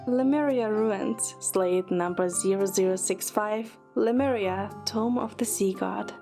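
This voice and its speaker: Loud background music sits beneath a woman's mid-range voice as she reads, at a measured pace, a scripted dramatic narration in the first person. She serves as narrator and lead in a fan audio drama.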